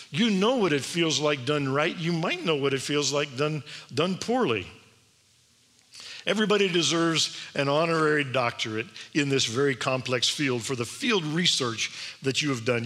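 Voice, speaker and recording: Emphatic bright-voiced man preaching in a hall. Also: a little high. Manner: emphatic, rhetorical questions, acts out quotes. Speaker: speaker at a church event. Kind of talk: sermon-style talk. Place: large room with audience. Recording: long hall reverb.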